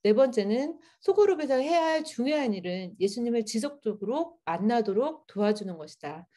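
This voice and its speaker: A woman in her thirties giving an earnest church testimony in a sermon style over a video call. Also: a little high. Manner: expressive, earnest storytelling with rising emphasis. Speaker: small-group leader giving a church message.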